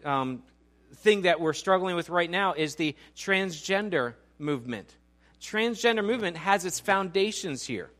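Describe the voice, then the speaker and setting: With a high-sitting, fairly bright voice, a 40-something pastor addresses a church auditorium. He preaches in a chatty, humorous way and keeps quizzing the people in the pews.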